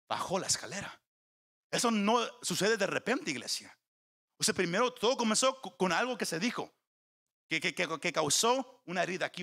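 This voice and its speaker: A man's voice: on the high side, creaky, sharp tone, slightly rough. A man preaching a sermon to his congregation, climbing in emphasis, often stumbling over repeated words and putting questions to the listeners. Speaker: pastor.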